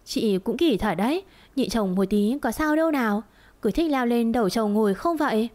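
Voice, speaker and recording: This is a sneering, fawning middle-aged mistress, as a woman storyteller puts her on, spiteful and coy. The voice sits on the high side. It belongs to a spoken storybook drama. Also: lively intonation, moderate pace, a little mellow, close to an everyday voice.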